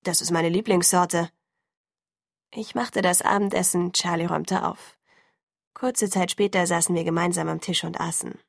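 A woman narrating a first-person novel as an audiobook in a measured, even way. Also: on the low side, creaky, no echo, clean studio sound. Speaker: audiobook reader.

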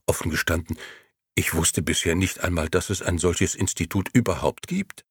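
A man's voice: deep voice, normal speed, slightly rough, no echo, studio quality. A man voicing a bewildered, polite male barber who answers in hesitant, puzzled replies.

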